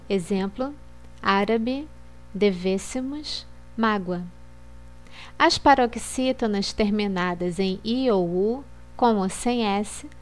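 A woman reading a scripted Portuguese lesson on accent marks in a slow, measured, list-like way. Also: medium pitch. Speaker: Portuguese teacher.

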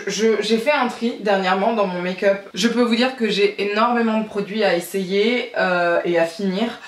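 A woman's voice: medium pitch, far from the mic. A woman in her thirties from France, chatting casually and rambling a little as a beauty vlogger talking to the camera. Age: 30s. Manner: chatty, rambling, self-mocking, with small laughs. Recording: roomy echo, a bit off the mic.

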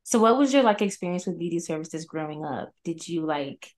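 A woman's voice: lowish voice, expressive, fairly quick, a little mellow. Young woman podcast host, chatty and upbeat, says like a lot, headset on a video call. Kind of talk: casual interview chat. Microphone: over-ear headphones, video call.

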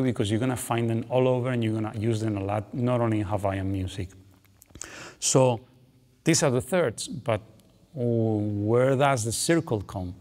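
A man, explaining guitar technique in a relaxed, chatty way, often ending phrases with "okay" and "you know". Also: medium pitch. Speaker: guitar teacher. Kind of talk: instructional explanation between playing. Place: dark studio, seated with guitar on lap. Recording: long reverb, guitar playing between phrases.

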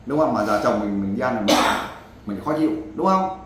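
A man's voice: mid-range voice, big pitch swings, a little fast. A man giving blunt, lecturing advice and cutting in often. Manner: blunt, lecturing, talks over the other man. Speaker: volunteer advisor helping a man find his wife. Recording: echoey room with faint background noise.

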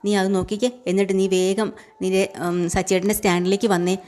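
A woman voicing a devoted young wife who talks in a quick, urgent, pleading way. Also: mid-range voice, level tone, a little mellow, close to an everyday voice.

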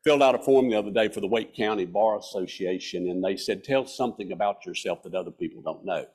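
Older guy in his 60s w/ appalachian mountain accent, deep husky voice, folksy podium talk. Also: fast, a little mellow. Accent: Southern Appalachian mountain. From Southern US mountains. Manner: folksy, self-deprecating. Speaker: guest speaker. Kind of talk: informal club speech. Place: hall stage at a podium. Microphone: podium microphone.

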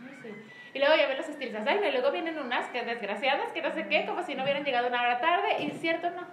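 High-voiced animated Mexican woman. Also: very fast. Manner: animated, acts out quoted dialogue with lively shifts. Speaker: Mary Kay sales director leading a team meeting. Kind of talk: casual motivational talk to a group. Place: room with a small group present. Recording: echoey room, faint background noise.

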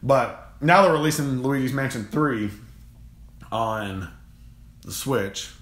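A young man with a mid-range, slow, slightly bright voice co-hosts a gaming channel's casual chat. He rambles enthusiastically and repeats himself often, recorded in an echoey home room with games on the shelf behind.

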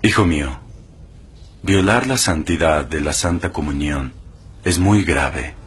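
A patient, grave priest in a confession booth. His voice is deep and heavily husky, his counsel quiet and measured, as in screen drama. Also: expressive, full character voice.

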